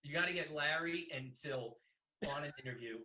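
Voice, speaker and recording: A man talks casually and eagerly, rambling with plenty of fillers. His voice is bright and forceful. It sounds roomy, picked up from a mic some distance away. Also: on the high side, moderate pace. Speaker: filmmaker. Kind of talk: casual chat.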